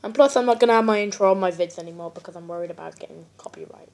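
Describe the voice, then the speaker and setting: This gaming video creator talks fast in a fairly low, darkish voice. Her commentary is casual and full of slang, brash with the occasional swear, and a cough has left her voice sounding a bit off.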